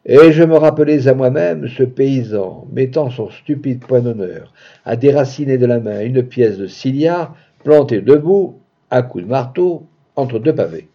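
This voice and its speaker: A man narrating a literary story in a theatrical way, swinging from hushed passages to booming outbursts, heard in a dull lo-fi recording. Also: expressive, unhurried. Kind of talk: dramatic literary audiobook reading.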